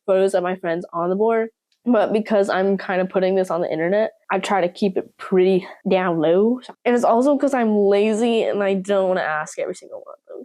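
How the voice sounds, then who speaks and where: A woman's voice: mid-range voice, a little mellow. Chatty young woman with a slight Southern accent. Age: young adult. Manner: chatty, playful, self-mocking. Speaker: vlogger. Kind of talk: casual chat to camera.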